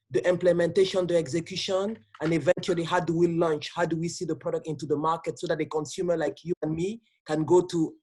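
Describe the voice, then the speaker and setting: A man speaking on a video call panel, halting and repeating words as he explains his work. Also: fairly high pitch, darkish tone. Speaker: panelist, product manager.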